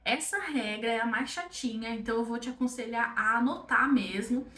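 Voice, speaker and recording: A woman's voice: a little high, normal speed, sharp tone, recorded from a distance. A young Brazilian woman with a Brazilian Portuguese accent, teaching an online French lesson in a chatty, encouraging way and checking in with "ok?" often. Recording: echoey room, voice off-mic.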